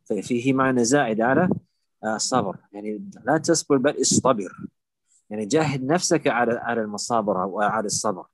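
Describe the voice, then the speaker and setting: A man's voice: medium pitch, expressive, fast talker, dry recording, poor audio. A man teaching Arabic morphology to students, patiently repeating words and drilling forms step by step. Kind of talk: live online lesson with students.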